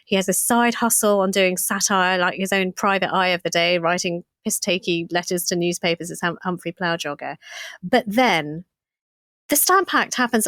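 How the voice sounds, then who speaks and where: A woman co-hosting a history podcast, telling the story in a lively, animated way with frequent restarts. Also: mid-range voice, dry recording. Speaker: podcast co-host.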